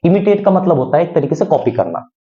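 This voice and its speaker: A man teaching, his pitch rising and falling in a lively way as he explains. His voice is mellow and fairly high, and he slows right down to read each example. The sound is dull and lo-fi. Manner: explains in Hindi, reading English examples slowly. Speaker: English teacher. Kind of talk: explanatory lesson.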